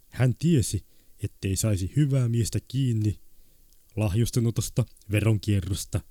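A man's voice: fairly low pitch, mellow, no echo. A man reading short stories aloud in a terse, clipped, matter-of-fact way. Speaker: story reader.

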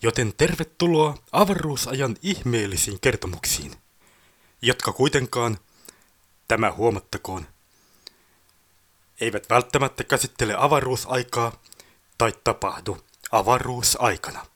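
A man's voice: medium pitch, pauses often, fairly bright tone. A man reading a formal scripted introduction to a collection of stories. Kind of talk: scripted narration.

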